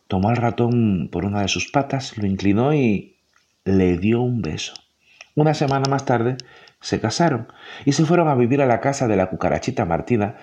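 A man narrating a children's story in a rhythmic, expressive way, leaning into repetitions. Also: fairly low pitch, muffled recording.

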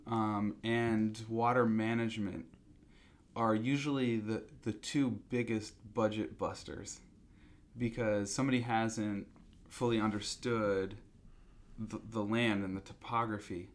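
A man speaking as a company representative in a business interview, explaining in a halting, conversational way. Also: on the low side, flat delivery.

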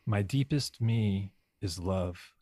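A man guides a meditation in a low, husky voice with a dark, mellow tone. He speaks hushed and slow, repeating each affirmation gently.

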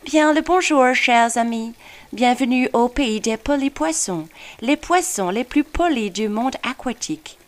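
A woman's voice: fairly high pitch, animated, unhurried, voice pushed up. A woman voicing a very polite male fish with whiskers, speaking French in a put-on English accent. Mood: courteous. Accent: mock English accent in French. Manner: overly courteous, prim.

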